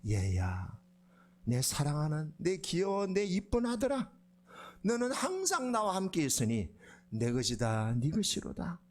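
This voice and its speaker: A man's voice: huge pitch swings, measured pace, a little mellow. A preacher doing a fervent loving old father. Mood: tender. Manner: tender, fervent, raised pitch.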